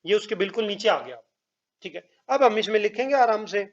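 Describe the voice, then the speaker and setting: A man gives a math lesson in a fairly high voice. He talks to his pupils as children, repeats each step and checks they follow, and drags out words while he writes. The sound is a bit dull and lo-fi. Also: animated. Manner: writes on screen while speaking, pauses and drawn-out words. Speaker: math teacher.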